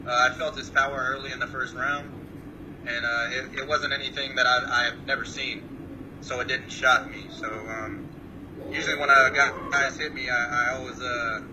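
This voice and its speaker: A man from Samoa answering interview questions over a remote call, calm and modest, with many hesitant uhs. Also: medium pitch, moderate pace, lo-fi sound. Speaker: guest fighter. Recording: distant mic with clear background noise.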